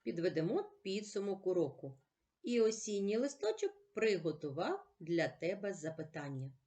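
A woman teacher giving a slow, patient reading lesson for children, asking questions and answering them herself. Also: mid-range voice, big pitch swings, dark tone. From Ukraine.

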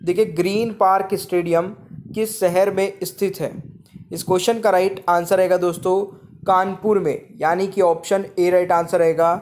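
A man with a high voice talks over quiz slides as a teacher. He reads every question, repeats it to his viewers, and then states the answer plainly. His steady classroom patter keeps to a fixed routine. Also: normal speed. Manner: repeats each question, addresses viewers as friends. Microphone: voice-over on screen slides.

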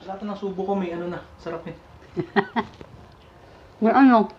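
A woman's voice: medium pitch, unhurried, lo-fi sound, a little hiss or hum. A woman vlogger chatting casually through a mukbang meal, talking with her mouth full while chewing. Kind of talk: casual eating chat.

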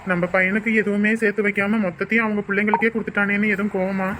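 A woman speaking gently and earnestly in an amateur family drama. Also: mid-range voice, level tone, racing, noisy background.

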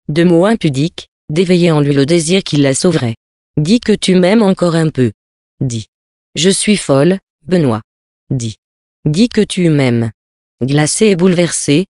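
A man reading a French novel aloud as an audiobook narrator, in a measured literary manner, giving the characters small shifts of voice. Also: on the high side, a little mellow, dry recording, studio quality.

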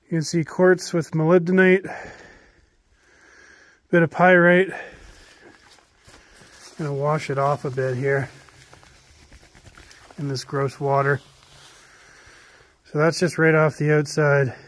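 At a snowy old mine site, a mineral exploration vlogger casually narrates outdoors, holding up rock samples for a handheld camera and naming the minerals in a matter-of-fact way. His voice is on the high side, slow, fairly even in intonation, and marked by frequent pauses.

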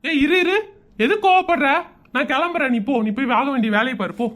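A woman's voice: lively intonation, fairly quick, fairly bright tone. A woman voicing a grumbling middle-aged husband in a cartoon, scolding. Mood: impatient. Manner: gruff, scolding, mutters in a low put-on voice.

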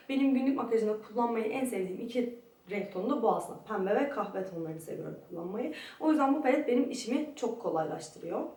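A woman's voice: on the high side, a little mellow. A young woman giving a casual product review to camera as a beauty vlogger, in a very echoey room. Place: very echoey room in a friend's home. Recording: echoey room, distant microphone.

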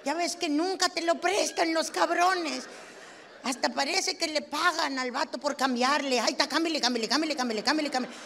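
A brash, foul-mouthed Mexican woman as a performer puts her on with a high, bright voice and a Mexican Spanish accent. She rattles off her stand-up monologue loud and sassy, swearing and throwing questions at the crowd. The sound has long hall reverb and faint noise. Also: fairly quick. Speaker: stand-up comic.

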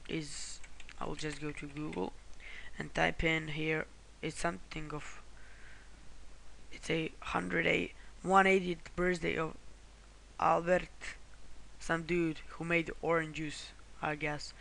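Taking it slowly, a man from Croatia with a high-ish, flat, slightly bright voice and vocal fry narrates a screen-recorded how-to. He rambles, corrects himself often, and apologizes, with a little hiss or hum audible.

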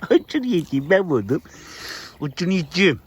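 A man's voice: fairly high pitch, sing-song, a little fast, breathy edge. A man talking outdoors to his farm animals, coaxing and scolding them fondly. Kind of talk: affectionate teasing talk to animals, vlog.

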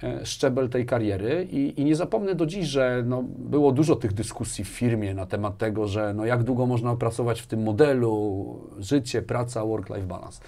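A forties-aged man's mid-range voice sounds warm and creaky, moving at normal speed with few pauses. As an interview guest and business manager, he chats conversationally about personal anecdotes, often adding tag questions, captured by a lapel mic in a small furnished indoor studio.

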